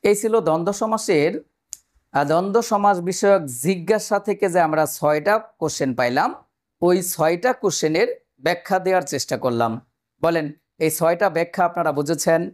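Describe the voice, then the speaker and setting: Male tutor, fairly high voice, methodical exam-prep explainer who quizzes viewers. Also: brisk. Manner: explains step by step, asks the viewers questions. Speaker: teacher. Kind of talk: exam-prep grammar lesson.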